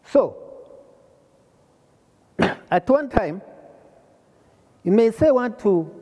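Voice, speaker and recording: Older man, plumbing instructor, slow deliberate delivery, mellow voice, echoey workshop hall. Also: high voice, expressive. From Rwanda. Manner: repeats phrases, pauses often, demonstrates parts. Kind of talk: slow hands-on trade lesson.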